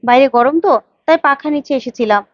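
A woman's voice: high-pitched, fairly quick, no echo, close to an everyday voice. A woman voicing a polite, probing young woman investigating a mystery, on a dull lo-fi recording.

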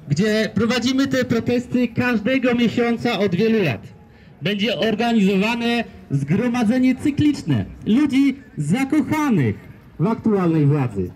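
A man gives a rallying speech to fellow protesters in the open air at night. His voice sits fairly high and he calls out to the people around him directly. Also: darkish tone, low-quality recording. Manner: rallying, addresses the crowd directly. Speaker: protest organizer. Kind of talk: speech to a crowd. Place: outdoor street protest at night.

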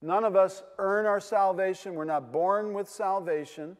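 A man's voice: high-pitched, fairly even intonation, a little slow. An older man with a New England accent preaching a sermon from a pulpit in a large wood-paneled church, earnest, with rhetorical questions and frequent fillers. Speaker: pastor. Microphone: pulpit mic. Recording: long church reverb.

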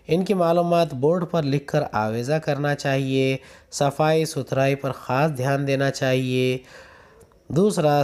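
A school teacher reads textbook questions and answers aloud, point by point, in a mid-range, slightly mellow voice. His instructional delivery announces each numbered point.

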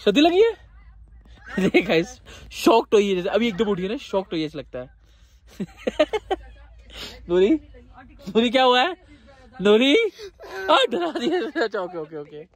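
A young man filming a casual family travel vlog on a handheld phone, excitedly talking to viewers outdoors and from a car in heavy rain. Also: sits high. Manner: excitable, keeps addressing viewers as guys. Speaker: vlogger.

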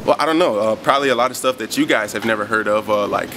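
A laid-back young man with a fairly low voice answers questions on the street. His speech is loose and full of filler words. Traffic noise is clearly audible behind him. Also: fast talker, sharp tone. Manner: laid-back, heavy with "like" and "you know". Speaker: street interviewee. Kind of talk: casual vox pop answers. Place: outdoors by a brick wall in daylight.

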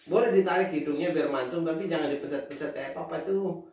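A man's voice: fairly high pitch, fast talker, darkish tone, reverberant, recorded from a distance. A man filming his family, teasing his wife in casual, playful banter and pressing her with questions. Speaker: father filming a family vlog.

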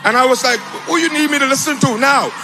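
A man raised in the Bahamas giving a spoken testimony on a large auditorium stage into a handheld mic, animated and breaking into shouts when excited. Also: extremely high pitch, fairly quick, noisy background. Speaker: testimony speaker at a church event. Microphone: handheld mic held by another man.

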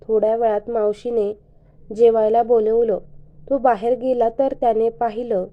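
A woman storyteller reading a scripted romance story aloud in an even, unhurried way. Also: fairly high pitch, phone-quality sound.

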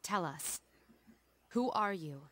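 A woman voicing a composed, formal young woman leader in a video game, speaking quietly and in control. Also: fairly low pitch, expressive, slow, heavily acted. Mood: serious. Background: game music.

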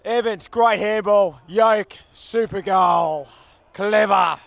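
A man calling a football match live, rattling off players in clipped bursts and shouting at big moments. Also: sits high, slow pace, gravelly, dry recording. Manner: clipped bursts of names and actions. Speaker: football commentator. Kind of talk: live play-by-play commentary. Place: commentary box at an outdoor ground.

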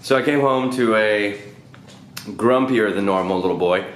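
A man in his thirties talking casually to a handheld camera at home, low-key and plain-spoken. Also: normal speed. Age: 30s. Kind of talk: casual vlog chat. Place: room at home. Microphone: camera at arm's length. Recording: echoey room, faint noise.

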